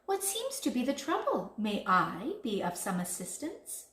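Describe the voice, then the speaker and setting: A woman's voice: a little high, sing-song, measured pace, darkish tone, far from the mic, pitched above the performer's own voice. A woman voicing a big male storybook wolf, eager to be good and easily hurt. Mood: polite. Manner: polite when hopeful, howls and roars when upset. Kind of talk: children's storybook reading. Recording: roomy, echoing sound.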